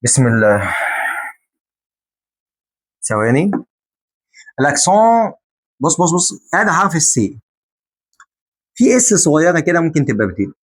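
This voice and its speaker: Animated Egyptian teacher drilling words. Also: male voice, fairly high pitch, slightly rough. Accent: Egyptian Arabic. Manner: animated, jokey, drills words by repeating them slowly. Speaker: French teacher. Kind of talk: lively classroom lesson.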